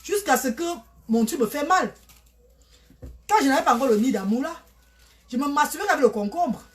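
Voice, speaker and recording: A woman's voice: high voice, animated, brisk. Blunt woman live-streaming. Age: 30s. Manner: blunt, repetitive, calls listeners "maman". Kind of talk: casual live stream monologue.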